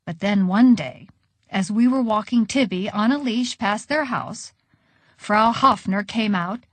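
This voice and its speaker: A woman narrating an audiobook in an expressive, conversational storytelling manner. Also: mid-range voice, a little slow, no room sound.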